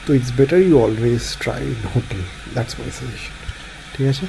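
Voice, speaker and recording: A man's voice: medium pitch, slow pace, creaky, mellow, low-quality recording. A man vlogging in casual chat, talking straight to his viewers from indoors. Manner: chatty, addresses viewers directly. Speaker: travel vlogger. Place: indoors on a couch at night.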